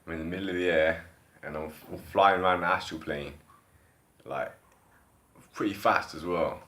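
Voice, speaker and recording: A man's voice: low voice, fairly even intonation, moderate pace, fairly bright tone. A man, recording at home in his living room, tells a story in a casual, rambling way, often repeating and restarting his phrases and trailing off. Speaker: vlogger recounting a dream.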